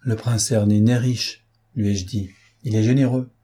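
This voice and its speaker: A man reads a loyal young hotel boy in an audiobook, an obedient henchman who reports to his boss. He speaks briskly and dutifully in a low, husky voice. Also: fairly even intonation, warm tone. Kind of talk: audiobook character voice.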